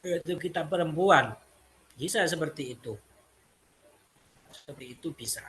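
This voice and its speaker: A man's voice: on the high side, expressive, normal speed, fairly bright tone, slight background noise. A man teaching an Arabic lesson, explaining step by step and repeating phrases. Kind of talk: classroom lesson.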